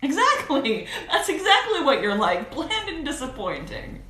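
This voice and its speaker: A woman's voice: high-pitched, wildly swooping pitch, unhurried, pushed and bright, roomy sound, exaggerated voice. Archangel Gabriel, a chatty angel, played by a woman. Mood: chatty playful. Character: Archangel Gabriel, a cheerful, pompous male angel. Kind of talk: cosplay role-play livestream.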